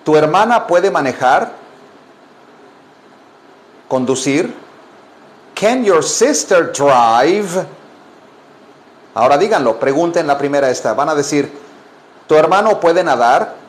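A man whose first language is Spanish, giving a casual online English lesson and repeating phrases slowly for learners. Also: a little high, lively intonation. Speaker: English teacher.

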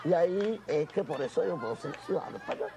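A man's voice: a little high, animated, fast, creaky, a loud crowd. A comedian in a sketch, faking a Spain Spanish while he rambles through laughing, roundabout explanations. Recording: noisy background.

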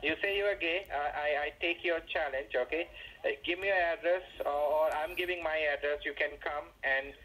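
A man's voice: a little high, fairly even intonation, a little fast, pushed and bright, slight background noise, poor audio. A man, stammering in broken as he argues heatedly over the phone. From India. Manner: stammering, broken English, argumentative. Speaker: phone scammer.

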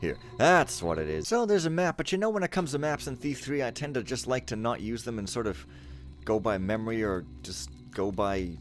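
A man's voice: mid-range voice, big pitch swings, brisk. A man giving casual, sardonic, rambling commentary as he plays through a video game. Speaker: let's play host. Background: video game sound and music.

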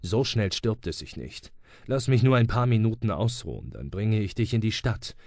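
A man's voice: fairly low pitch, lively intonation, normal speed, vocal fry, darkish tone, dry recording, studio quality. A man voicing a tough, stubborn male adventurer who speaks firmly and reassuringly, in an audiobook reading.

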